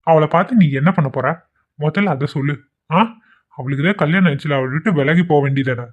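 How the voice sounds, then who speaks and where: A man's voice: a little high, quick pace, close to an everyday voice. Man voicing curt scornful young husband. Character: young married man, blunt defiant husband. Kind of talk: amateur cartoon voice acting. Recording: tinny phone-like lo-fi audio.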